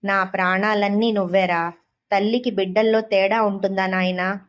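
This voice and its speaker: A woman voicing the gentle, worried spirit of an old mother who appears in a dream, speaking tenderly and anxiously. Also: mid-range voice, fairly even intonation, moderate pace, slight background noise, lightly acted.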